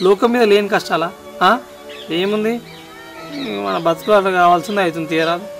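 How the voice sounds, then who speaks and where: An actor with a Telangana Telugu accent playing an impatient young village son who argues back in a brisk, exasperated way. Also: male voice, high voice. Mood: dismissive. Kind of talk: family drama acting. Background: background music.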